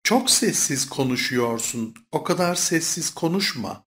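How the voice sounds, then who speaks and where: Measured reader with lively pitch. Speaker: Turkish phrase reader. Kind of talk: scripted phrasebook reading.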